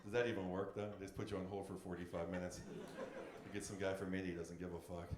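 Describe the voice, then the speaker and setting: A middle-aged man doing a stand-up comedy set, brash and profane with deadpan punchlines, on a club stage. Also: low voice, quick pace, heavy background noise. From United States. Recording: roomy club with crowd laughter. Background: audience laughing.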